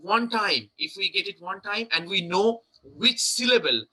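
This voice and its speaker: Man leading a chant lesson, high and bright-toned. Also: expressive, poor audio. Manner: chants syllables slowly, then explains in a quick, searching way. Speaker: chanting teacher.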